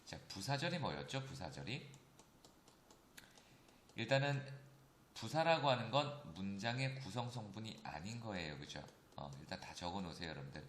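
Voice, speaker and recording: A man teaching an English grammar lesson, explaining step by step and often checking in with his students. He slows down to read English example sentences aloud. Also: lowish voice, very animated, a bit bright, roomy sound, a little hiss or hum. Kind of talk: recorded classroom lecture.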